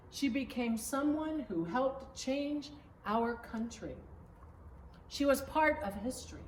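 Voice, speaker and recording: A pastor reads a storybook aloud slowly, her higher-pitched voice very expressive and her phrasing deliberate. It was recorded in an echoey room with a distant mic and faint noise.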